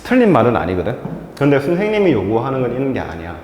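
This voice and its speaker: A man's voice: mid-range voice, wildly swooping pitch, fast talker, darkish tone. A male math teacher giving a whiteboard lecture to students, checking in with them constantly between steps. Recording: echoey classroom with faint noise.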